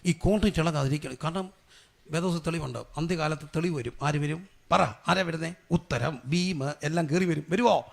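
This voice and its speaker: A middle-aged male pastor delivers a sermon, firing rhetorical questions at the congregation for them to answer before building into loud, fervent prayer. His voice is fairly high and creaky, at a moderate pace.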